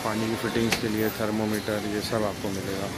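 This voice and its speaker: A vlogger with a Mumbai accent guides a casual walking tour of a busy outdoor market street, repeating himself often as he points things out. His voice is lowish, brisk, and fairly flat in pitch, with loud traffic and urban street noise all around.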